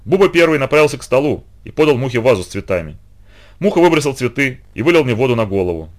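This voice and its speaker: A man narrating a children's audiobook in an animated storytelling manner. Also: medium pitch, fast talker.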